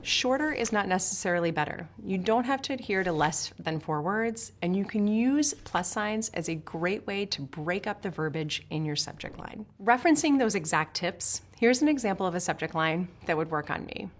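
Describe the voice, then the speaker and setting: A woman's voice: mid-range voice, animated, moderate pace, hardly any pauses, slight background noise. A woman from Switzerland narrating a sales course in an upbeat, emphatic coaching manner, speaking straight to the viewer. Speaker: sales instructor.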